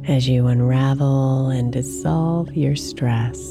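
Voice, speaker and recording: Meditation host: woman, deep register, very unhurried, soft and soothing, over prominent new-age music. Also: steady tone. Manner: soft, soothing, gently drawn out. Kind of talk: guided meditation narration. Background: new-age music with singing bowls.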